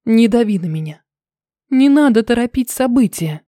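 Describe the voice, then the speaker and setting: A frightened but defiant young wife, as a woman narrator puts her on, tense and pleading. Her voice is mellow and warm, heard dry and close. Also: a little high, lively intonation, moderate pace, dry recording, lightly acted.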